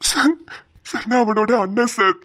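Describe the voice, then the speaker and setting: A woman's voice: a little high, moderate pace, fairly bright tone, a little hiss or hum, close to an everyday voice. A woman voicing a young man in a cartoon, an elder brother who pleads tearfully for his little brother. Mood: worried. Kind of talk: cartoon voice acting.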